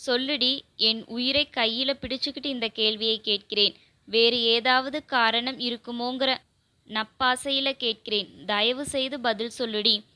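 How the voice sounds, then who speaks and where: A furious, lamenting mother, as a woman reader puts her on in an audio novel. The voice is bright and a little high. It sounds close and dry. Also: steady tone, unhurried, no room sound. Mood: pleading anger. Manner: scolding, lamenting. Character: grieving, furious middle-aged mother.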